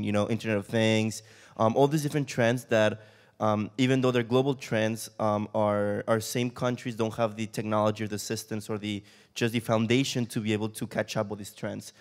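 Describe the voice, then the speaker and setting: Young man with a Mexican accent, lowish voice. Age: 20s. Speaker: audience questioner. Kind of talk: casual question to a speaker on stage. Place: on stage in an auditorium before an audience. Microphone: handheld microphone.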